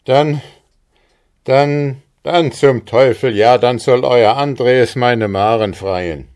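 A man reading aloud, voicing a blustering, stout, rich old farmer with a loud and gruff manner. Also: on the low side, expressive, measured pace.

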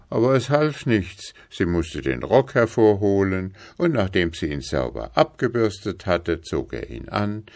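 A man reads an old folk tale in a deep, unhurried voice with a lively, rising and falling melody. The sound is close and dry, with no room around it. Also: no echo. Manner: measured, expressive. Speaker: storyteller.

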